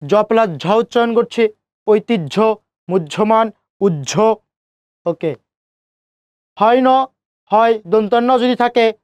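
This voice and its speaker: A man's voice: very high voice, a little mellow, clean tone, no room sound. Male tutor, dry close sound. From Bangladesh. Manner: asks students rhetorical questions and answers them himself; repeats key points slowly. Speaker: teacher. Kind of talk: online exam-prep lecture.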